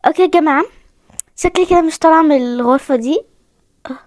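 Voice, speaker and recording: Chatty young Egyptian woman, high voice. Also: quick pace, darkish tone, no room sound, studio quality. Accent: Egyptian Arabic. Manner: chatty, talks to viewers while playing, often frightened. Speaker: gaming video host. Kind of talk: casual game commentary.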